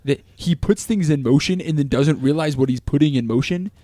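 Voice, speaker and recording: A man's voice: on the high side, brisk, dark tone, no echo. A man co-hosting a casual chat about tabletop game lore, rambling with lots of restarts and filler words. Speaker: co-host.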